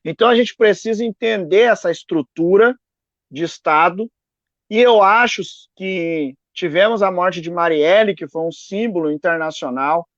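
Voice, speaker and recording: Appearing as a guest on a live video call from his neighbourhood home, an activist talks earnestly in a high, fairly bright voice at a moderate pace, repeating words and adding "né?". The stream audio is dry, dull, and lo-fi.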